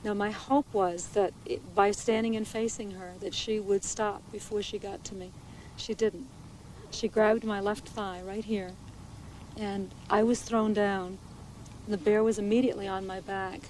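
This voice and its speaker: A woman ranger tells her story in a documentary interview, her voice sitting at an ordinary middle pitch. She speaks in a measured way, pausing and restarting now and then. It is a 1980s VHS recording with a faint hiss underneath. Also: darkish tone, rough recording. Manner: measured, halting, with small restarts. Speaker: naturalist and park ranger. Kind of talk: interview recounting a bear attack.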